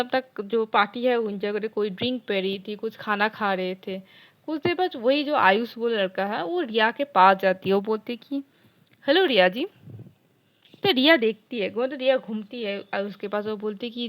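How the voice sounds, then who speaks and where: High-voiced woman casually retelling a story. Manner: retells a romance loosely, acting out each character's lines in her own voice; conversational, with many fillers and restarts.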